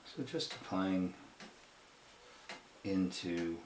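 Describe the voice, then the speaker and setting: Low-voiced man rambling through a painting demo. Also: extremely slow, darkish tone, echoey room, a little hiss or hum. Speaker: watercolor painter demonstrating. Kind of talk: casual painting demo, thinking aloud.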